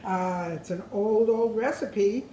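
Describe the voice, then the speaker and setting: A woman's voice: medium pitch, slow pace, warm tone, reverberant, a little hiss or hum. A middle-aged woman hosting a home cooking show, chatting cheerfully and giggling as she explains the recipe. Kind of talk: casual cooking chat. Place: home kitchen, later outdoors.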